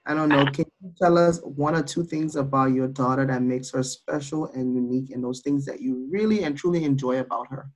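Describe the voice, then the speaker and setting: A man's voice: medium pitch, fairly quick, few pauses, poor audio. A man co-hosting a podcast, asking a guest questions in a hesitant way with many fillers. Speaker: podcast co-host. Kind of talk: casual interview questions.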